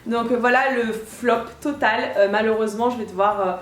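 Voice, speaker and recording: A woman's voice: on the high side, steady tone, moderate pace, slight background noise. A young woman from France chatting casually in a home vlog, bubbly and chatty with lots of fillers and restarts. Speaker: YouTuber. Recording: echoey room with light music.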